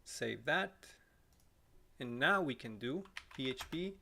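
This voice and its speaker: A Costa Rican man in his thirties with a Spanish accent teaches coding on a livestream from a small room at home, talking into a boom mic on an arm as he types through a live walkthrough. He apologizes and corrects himself often, his throat slightly scratchy. His delivery is expressive and slow, with vocal fry.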